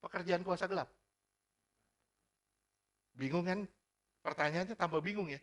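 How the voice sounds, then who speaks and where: A male pastor delivers a lively sermon in a high, ringing voice. He keeps throwing questions at his listeners and slips easily between formal preaching and relaxed street slang. His tone is sharp and bright. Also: normal speed. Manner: energetic, asks the congregation rhetorical questions.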